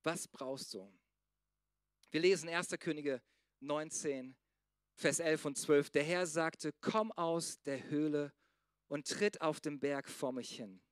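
A man preaching a sermon to a church congregation, swinging from loud urging to soft, hushed passages. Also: a little high, unhurried, clean tone, no echo, clean studio sound. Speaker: pastor.

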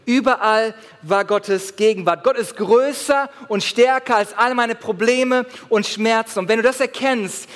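A man with a high-pitched voice preaches a sermon, animated and personal, acting out everyday stories between passages of scripture. His voice rings through a church hall with a long, lingering reverb. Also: a little slow, hardly any pauses. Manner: animated preaching with acted-out gym anecdotes. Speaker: pastor.

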